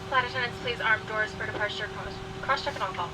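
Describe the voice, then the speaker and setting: A male airline crew member giving a brisk routine command to the cabin crew over the aircraft's PA loudspeaker. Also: high-pitched. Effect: cabin PA loudspeaker announcement. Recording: distant loudspeaker under loud engine noise.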